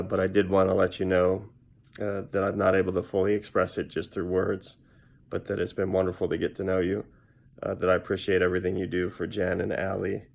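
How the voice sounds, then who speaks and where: Flat monotone man with a gravelly low voice. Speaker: son-in-law. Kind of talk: recorded birthday message.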